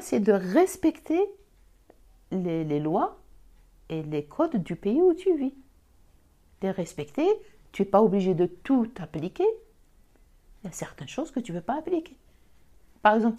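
A woman's voice: mid-range voice, dark tone. A middle-aged woman from Algeria with an Algerian accent, telling her own story in an interview, hesitant with many restarts but firm when she makes a point. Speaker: podcast guest, host's mother. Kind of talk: personal interview recollection.

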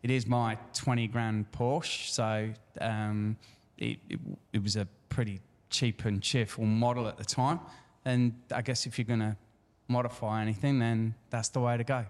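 A man's voice: fairly low pitch, level tone, moderate pace. An English man from the audience, chatting casually as a guest. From Leicester, England. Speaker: audience guest, car owner. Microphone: passed-around handheld microphone. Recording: reverberant hall, PA microphone.

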